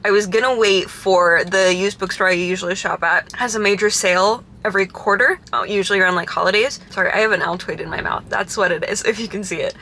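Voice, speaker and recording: A chatty young woman vlogs from her parked car in a garage, with a bright, clear voice. She rambles loosely, full of "like" and small restarts. A faint hum of the garage sits behind her. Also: medium pitch, fairly quick, few pauses. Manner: chatty and rambling, many fillers and laughs. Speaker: vlogger. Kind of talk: casual vlog chat.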